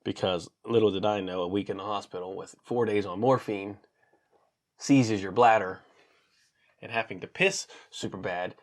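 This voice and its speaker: A man in his thirties tells a personal story straight to camera in a relaxed, casual vlog style. His voice sits on the low side, but he turns animated, jumping up in pitch whenever he acts out what people said. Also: moderate pace. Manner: animated, acts out quotes with big pitch jumps. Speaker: vlogger.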